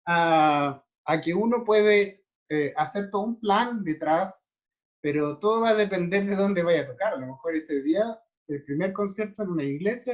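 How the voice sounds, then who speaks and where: This man's high voice comes through dull audio as he lectures an online music theory class. He explains each step and keeps checking that students are following, frequently adding tag questions.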